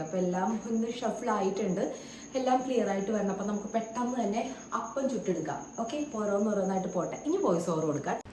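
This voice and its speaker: A woman talking briskly to the camera in an early-morning vlog. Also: mid-range voice, mellow, roomy sound, slight background noise, low-quality recording. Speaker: family vlogger.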